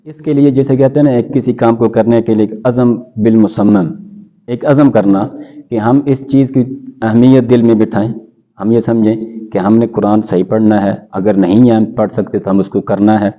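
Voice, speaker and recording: A man who teaches Quran recitation, answering interview questions in a measured way and quoting scholars in Arabic. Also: lowish voice, steady tone, lo-fi sound.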